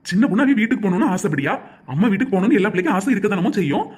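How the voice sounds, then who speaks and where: Cartoon son: a performer doing a reasoning young husband, Tirunelveli Tamil accent, mid-pitched, talks very fast. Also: sing-song, a little mellow, close to an everyday voice. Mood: pleading. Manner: pleading, reasoning. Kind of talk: cartoon voice acting.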